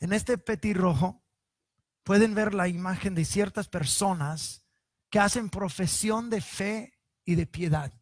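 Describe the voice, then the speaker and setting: A man's voice: high-pitched, no room sound. A man preaching a sermon, reading scripture aloud and retelling it in a dramatic, vivid way.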